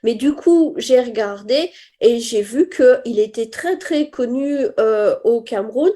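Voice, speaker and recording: A woman's voice: fairly high pitch, lively intonation, takes it slowly, dark tone. A woman in her fifties, a guest on a podcast, talking casually and hesitantly while she searches for her words. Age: 50s. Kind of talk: casual chat.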